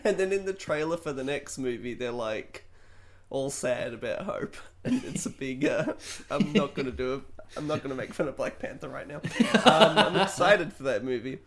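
A man's voice: mid-range voice, expressive, normal speed, a bit bright. A man co-hosting a casual podcast chat, rambling and laughing often as he trails off mid-thought. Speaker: podcast co-host. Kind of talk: casual chat about games and films.

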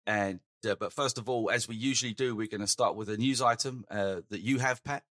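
A man's voice: on the low side, brisk, a bit bright, no room sound. A man from England hosting a podcast in casual chat, with a dry, teasing manner. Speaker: podcast host. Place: lives in Denmark.

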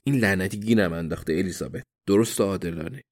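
A man's voice: low voice, a little mellow. A man reading a genial older husband. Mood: amused.

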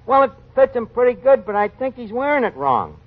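Swinging widely in pitch and talking a little fast, a high-pitched male voice brings to life a slangy New tavern manager for a 1940s radio comedy. He's a wisecracking, chatty, scheming blusterer, streetwise, mock-important, ungrammatical, and full of malapropisms, heard through a dull old recording.

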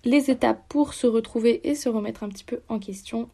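A young woman from France hosts her podcast in a loose, chatty way, rambling through her thoughts with plenty of fillers. Her voice is mellow and dark in tone, with a gravelly fry running through it. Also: fairly high pitch, a little fast. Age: young adult. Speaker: podcast host. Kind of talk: casual podcast chat.

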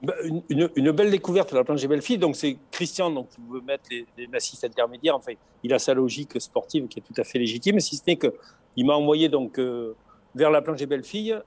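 A man's voice: medium pitch, quick pace, darkish tone, dry recording. Middle-aged man, southern French accent, expansive interview guest, dry close sound. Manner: expansive, lots of restarts and repeated words. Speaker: guest, former race logistics organizer. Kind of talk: casual interview chat.

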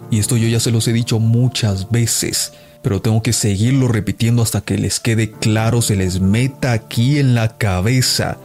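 A man's voice: on the low side, steady tone, moderate pace, a little mellow, faint music behind. A man hosting a podcast, talking in a casual, preachy monologue straight at his listeners. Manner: preachy, addresses listeners directly. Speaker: podcast host.

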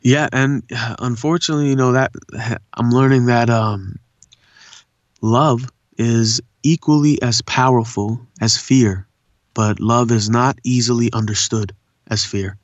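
A man's voice: medium pitch, unhurried, no echo, dull audio. Guy from india, grew up in socal, laid-back voice actor chatting on an interview, dry dullish audio. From born in India, raised in Southern California. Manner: relaxed, reflective, says "man" often. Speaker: guest, voice actor and poet. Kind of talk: casual interview conversation.

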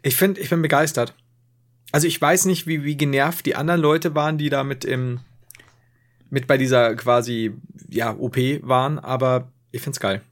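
A man's voice: mid-range voice, fairly even intonation, normal speed. A man co-hosting a podcast in casual comedic chat, talking in an informal, rambling, joking way. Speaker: podcast co-host.

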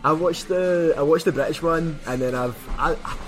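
A man's voice: fairly high pitch, normal speed, music in the background. A man with a broad Glaswegian Scottish accent chatting casually as a podcast guest, rambling along in colloquial Scots slang.

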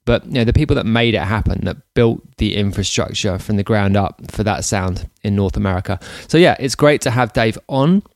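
A man hosting a podcast, talking in a relaxed, rambling way with many fillers. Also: lowish voice, fairly quick, gravelly, hardly any pauses, no room sound, studio quality. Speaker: podcast host. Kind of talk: casual podcast chat.

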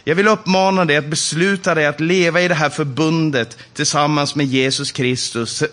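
A man's voice: a little high, fairly even intonation, a bit bright. A man preaching a Bible sermon with a slightly raised voice. He talks with emphasis, stacking repeated phrases as he builds each point. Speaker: Bible teacher.

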